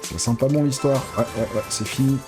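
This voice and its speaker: A man giving excitable, casual live commentary as a casino streamer, pleading with the reels and swearing. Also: medium pitch, fairly quick, over music.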